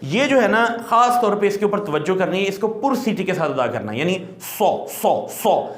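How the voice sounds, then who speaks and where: A man's voice: high voice, big pitch swings, a bit bright, echoey room. A man teaching Quran recitation who explains patiently and draws out letter sounds as long demonstrations. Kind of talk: classroom lesson.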